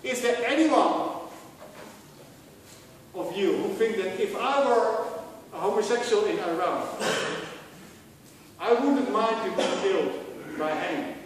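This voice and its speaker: Lecturing at a university, a middle-aged man with a Dutch accent asks his students rhetorical questions and frequently restarts his phrases. His high voice is animated yet slow, with long pauses. A far camera records him across a large, echoey hall, picking up a little hiss or hum.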